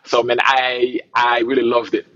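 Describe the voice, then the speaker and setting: A man's voice: mid-range voice, completely flat delivery, normal speed, pushed and bright, muffled recording. A man from Haiti, a musician, talking in a laid-back way with fillers and laughs in a casual interview. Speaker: musician guest.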